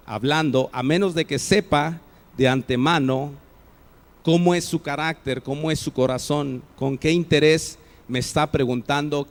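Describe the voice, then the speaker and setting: A man's voice: a little high, big-room sound. A man with a Mexican Spanish accent, preaching a sermon as pastor and acting out example phrases with changing tones. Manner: acts out example phrases with shifting tone. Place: church hall.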